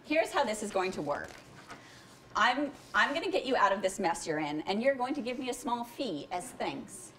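A woman's voice: mid-range voice, big pitch swings, moderate pace, a bit bright, a little hiss or hum. A woman reading the lines of a smug, condescending young woman hacker at a bookstore reading, in a cool, matter-of-fact way. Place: bookstore event.

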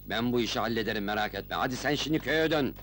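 An actor playing a calm, shrewd village headman in an old Turkish film, measured and reassuring. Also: mid-range voice, natural voice. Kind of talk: 1980s Turkish film acting.

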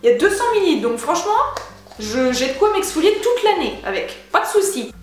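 A woman's voice: high-pitched, sing-song, brisk, a little mellow, very echoey. A young woman chatting casually through a beauty haul vlog, slangy and enthusiastic. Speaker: beauty vlogger.

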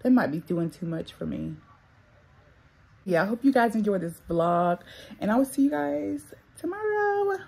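A woman's voice: medium pitch, very animated, normal speed, gravelly, dark tone, breathy edge. A young woman from North Carolina, chatting casually to her viewers in a vlog, a little muffled from the retainers she has in. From North Carolina, USA. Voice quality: talks with retainers in, slightly muffled. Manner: chatty, addresses viewers as y'all and girl. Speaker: vlogger.

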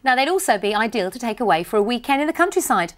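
A woman's voice: on the high side, big pitch swings, fast talker. A middle-aged British woman hosting a shopping channel, delivering upbeat scripted sales patter in a studio. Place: TV studio lounge set.

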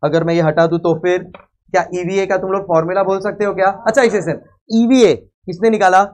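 A man with an Indian accent teaching accounting to a live class, loud and emphatic, constantly asking the students check questions and mixing English phrases into his talk. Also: high voice, fairly even intonation, fairly quick. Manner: mixes English phrases into Hindi; loud and emphatic, sometimes calling out. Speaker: accounting lecturer. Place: lecture hall with a live class.

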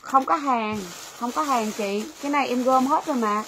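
A woman from Vietnam sells to a livestream audience at a moderate pace, her voice sitting high. She chats with viewers, repeats phrases, and faint noise can be heard behind her.

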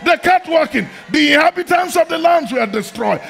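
A middle-aged man preaching a sermon in a large church hall, fervent and repetitive, often breaking into shouts. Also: extremely high pitch, expressive, normal speed, gravelly, some chatter behind.

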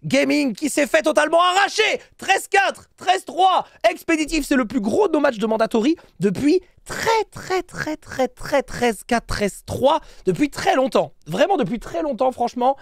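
An excitable man calls his team's match live, his voice pitched very high with a gravelly edge. His intonation leaps all over as he repeats phrases and erupts into shouts. Soft music plays behind him. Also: moderate pace, few pauses, no echo, studio quality. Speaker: esports team streamer commenting a match.

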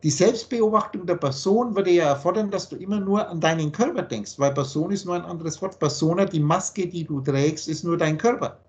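A man giving an earnest philosophical teaching monologue on a video call, slowing down to stress key points. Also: high voice, a little mellow. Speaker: spiritual teacher.

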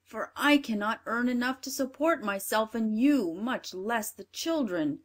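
A woman's voice: on the high side, animated, a little slow. A woman voicing a poor, sorrowful woodcutter father in a storybook reading, pleading and anxious. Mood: despairing.

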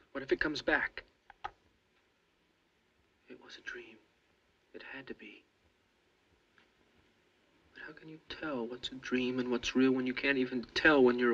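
An actor playing a young soldier's halting, stammering inner monologue that swings between hushed dread and panic. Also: male voice, medium pitch, dull audio, slight background noise, natural voice. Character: young male soldier, maimed, trapped and frightened. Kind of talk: film voice-over inner monologue.

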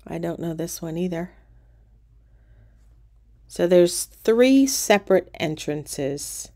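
This vlogger, a middle-aged woman, leads viewers around an indoor casino aboard a cruise ship, her handheld camera capturing the walk. She speaks unhurriedly in a low, gravelly tone, easygoing and casual as she points out sights.

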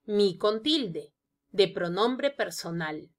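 A woman narrating a scripted grammar lesson, explaining each example slowly and deliberately. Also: medium pitch, expressive. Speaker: teacher.

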